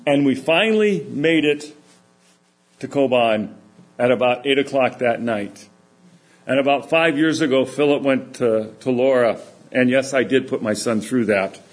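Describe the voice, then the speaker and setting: A middle-aged man giving a sermon, telling stories in a relaxed, conversational way. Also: medium pitch, unhurried. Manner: anecdotal, conversational storytelling. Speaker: preacher. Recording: echoey room.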